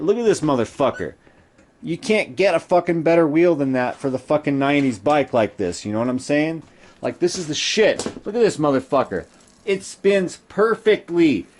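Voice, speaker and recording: Exasperated, foul-mouthed man ranting. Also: mid-range voice. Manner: exasperated, heavily profane, swings between loud outbursts and muttering. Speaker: bike-building vlogger. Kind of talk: casual vlog rant.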